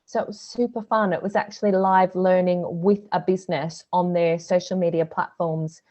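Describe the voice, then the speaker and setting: This is a fairly low, dark-toned female voice with fairly even intonation at a normal speed, belonging to an Australian-accented woman from Australia. She's a social media business owner guesting on a casual podcast, chatty and full of fillers and laughs.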